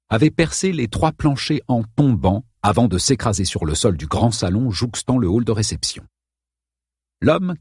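A man reading a novel aloud as an audiobook narrator, in a steady, measured way. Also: lowish voice, slightly rough, no room sound, clean studio sound.

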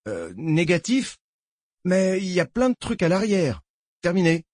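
A man's voice: sits high, big pitch swings, measured pace, darkish tone, no echo, clean studio sound, pitched above the performer's own voice, exaggerated voice. A man voicing a nervous young male sheriff's deputy who keeps hesitating over the radio. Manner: hesitant, stammers with frequent "uh".

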